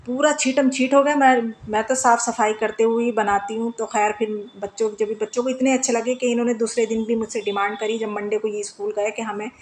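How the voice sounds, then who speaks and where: Chatty home-vlog woman in her thirties, easy laughter, slightly high pitch, faint noise behind. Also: flat delivery, a little fast, few pauses. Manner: chatty, laughs often, many fillers. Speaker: home vlogger. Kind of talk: casual home vlog narration.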